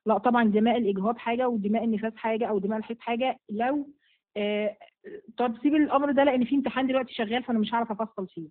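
A religious teacher with an Egyptian accent speaks very fast in a slightly high voice with fairly even intonation while answering viewers' questions live. Firm and motherly, she blesses each asker by name, and the audio has a narrow, phone-like quality.

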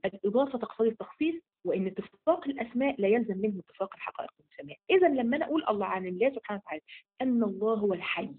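An Egyptian woman rushes through a casual religious lesson at high speed. Her voice is slightly husky, and she keeps throwing rhetorical questions at her listeners. The audio is thin and phone-like, like a voice note. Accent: Egyptian Arabic. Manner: rapid, asks rhetorical questions and checks in with listeners. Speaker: religious teacher.

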